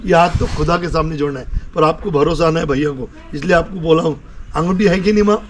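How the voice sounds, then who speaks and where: A man with a voice on the high side talks quickly through street magic patter outdoors. He's chatty and showy, coaxing and joking with onlookers, while loud background music plays over the outdoor audio.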